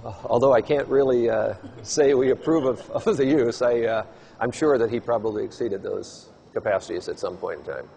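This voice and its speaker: A man's voice: medium pitch, normal speed, gravelly, warm tone, slight background noise. A man speaking as a company engineer in an interview, hesitant and choosing his words carefully. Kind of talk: interview talk.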